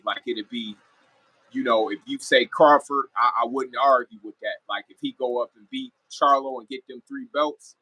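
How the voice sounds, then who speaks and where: A man's voice: mid-range voice, pushed and bright, slightly rough, no echo, rough recording. A man giving his opinions in a casual sports reaction video, repeating phrases for emphasis as a guest commentator.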